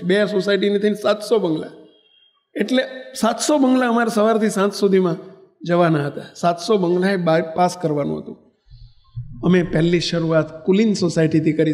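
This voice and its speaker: A monk delivers a sermon as an unhurried story, speaking in a notably high voice for a man. He speaks conversationally and stops to fix his own slips. He addresses his listeners directly as he tells it. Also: darkish tone, big-room sound. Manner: conversational, corrects himself mid-sentence. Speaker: monk and spiritual leader.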